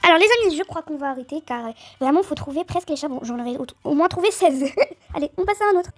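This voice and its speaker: A woman giving chatty, excitable let's-play commentary on a game, talking straight to her viewers. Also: high-pitched, fast, soft background music. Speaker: gaming video creator.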